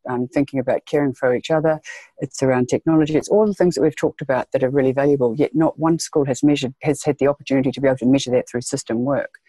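A woman with a rumbling low, warm voice, recorded with no echo, is an education leader from New Zealand. She has a New Zealand accent and speaks earnestly as a podcast interview guest, repeating phrases to emphasize them.

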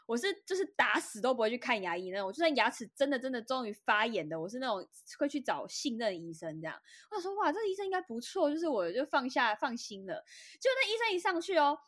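A woman with a Taiwanese Mandarin accent, co-hosting a podcast and retelling stories in an animated, dramatic way. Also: fairly high pitch, fast, no room sound, clean studio sound. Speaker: podcast co-host. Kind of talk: casual storytelling chat.

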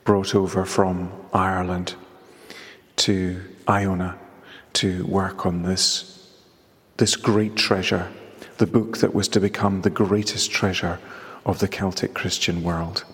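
A man talking reflectively and slowly in a small stone chapel, his voice ringing off the stonework. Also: sits low, flat delivery, a bit bright, husky. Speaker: poet and guest. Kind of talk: reflective spoken storytelling. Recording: echoey stone chapel with long reverb.

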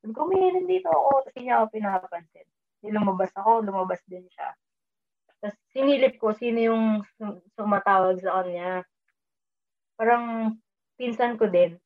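Speaking at a normal pace with frequent pauses, this medium-pitched woman shares a personal dream story in casual conversation. English slips into her speech, and her voice rises whenever she quotes herself; the audio sounds tinny, like a phone.

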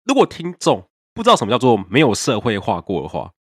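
A man with a Taiwanese Mandarin accent, co-hosting a casual chat. He reacts with big swings in pitch and curses freely. His mid-range voice is recorded close and dry. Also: fast, husky, dry recording. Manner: animated reactions, frequent swearing. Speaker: podcast co-host.

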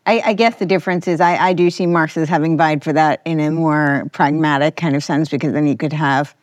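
A woman's voice: low voice, fairly even intonation, brisk, no room sound. A woman hosting a casual conversational podcast interview, thinking aloud in a tentative way. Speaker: podcast host.

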